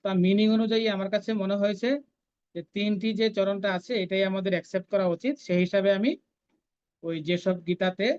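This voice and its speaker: A woman teaching a scripture recitation class, chanting each verse slowly and then explaining how to pronounce it. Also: mid-range voice, fairly even intonation, darkish tone, clean tone, dull audio.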